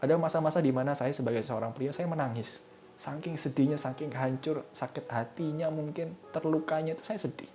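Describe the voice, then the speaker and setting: A man's voice: fairly high pitch, fairly quick. A man giving a sermon in a casual, conversational way, speaking straight to his listeners. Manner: casual conversational preaching, addresses listeners as "saudara". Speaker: preacher. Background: soft instrumental music.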